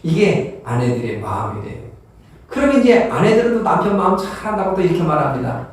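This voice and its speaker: A man's voice: sits high, very animated, a little fast. A man preaching a sermon as a pastor, in a folksy, humorous way, often acting out everyday people in quoted dialogue. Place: church sanctuary. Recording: very echoey church from a distance.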